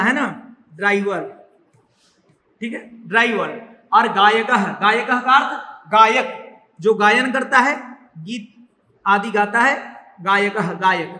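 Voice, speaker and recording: A male Sanskrit teacher giving a classroom lesson, repeating each word slowly and quizzing his pupils with questions. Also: high voice, sharp tone, a little hiss or hum. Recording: echoey room.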